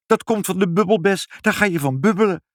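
A man's voice: high voice, brisk, dry recording, clean studio sound, pitched above the performer's own voice, natural voice. A man reading aloud and voicing a practical, anxious mother who warns and urges. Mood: dismayed. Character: practical, fretting mother in a storybook.

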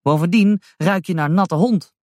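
A man's voice: sits high, unhurried, no echo, clean studio sound, voice pushed up. A man voicing a grumpy, contrary male unicorn in a storybook reading, snappish and grumbling.

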